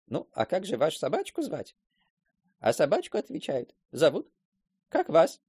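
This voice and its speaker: A chattering husky old village man. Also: high-pitched, no room sound, clean studio sound, heavily acted. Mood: gossiping. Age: older. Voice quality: husky and creaky. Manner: lively, quick to mimic others' voices. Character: talkative old village man spinning a yarn. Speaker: storyteller character. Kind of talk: radio play acting.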